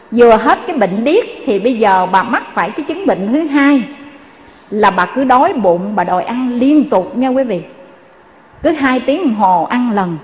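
A woman's voice: a little high, in a large hall, lo-fi sound. A woman with a Southern Vietnamese accent telling a Buddhist story in a sermon, earnestly addressing her listeners. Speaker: Buddhist dharma speaker.

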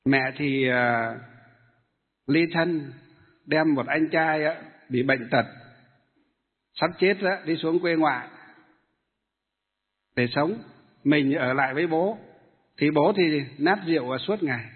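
A Buddhist monk giving a dharma talk to lay followers, asking the audience questions and then answering them himself. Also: male voice, a little high, slow pace, long pauses, husky. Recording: tinny phone-like sound in a hall with long reverb.

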